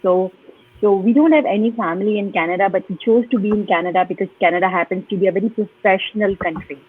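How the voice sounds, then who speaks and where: A woman's voice: medium pitch, fast, husky. A woman from Pakistan, a guest in a live online interview, speaking earnestly with frequent fillers over a video call. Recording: tinny phone-like call line.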